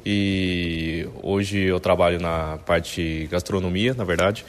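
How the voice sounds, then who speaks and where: Man from taiwan, 30s, interpreter, low voice, long echo. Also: steady tone, slow pace, a little hiss or hum. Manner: friendly, modest, with frequent "tá?" tags. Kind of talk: on-site interpreting. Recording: echoey hall.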